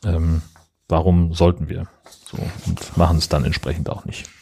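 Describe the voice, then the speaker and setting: Low, warm-voiced male podcast co-host; plain, matter-of-fact explainer. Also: flat delivery, normal speed, vocal fry, husky. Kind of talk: casual chat.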